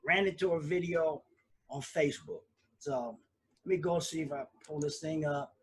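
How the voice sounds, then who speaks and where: A man's voice: a little high, normal speed. A man hosting a casual live stream from home, talking loosely with lots of fillers and restarts. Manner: loose, rambling, conversational with fillers. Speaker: host.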